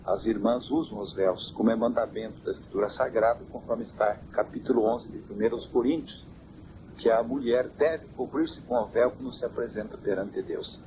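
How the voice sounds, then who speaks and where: Church elder, man, measured preaching cadence, recorded on worn old cassette with steady hiss. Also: medium pitch, highs cut off. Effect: hissy, worn old cassette tape. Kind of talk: answering interview questions on doctrine. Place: family home.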